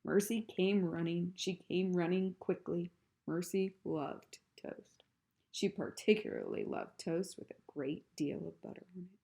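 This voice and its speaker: Woman, children's book read-aloud, lowish pitch, vocal fry, calm steady telling. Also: a little slow. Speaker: reader.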